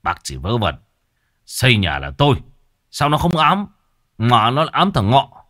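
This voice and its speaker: A man voicing a stubborn, hot-tempered old village father who scolds in a gruff, blustering way. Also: mid-range voice, huge pitch swings, measured pace, pushed and bright, full character voice. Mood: scornful.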